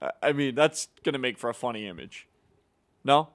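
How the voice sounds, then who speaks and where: A man's voice: mid-range voice, animated, moderate pace. A man hosting a casual hockey news segment, upbeat and teasing his co-host, with plenty of filler words. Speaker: show host. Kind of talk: casual sports news chat.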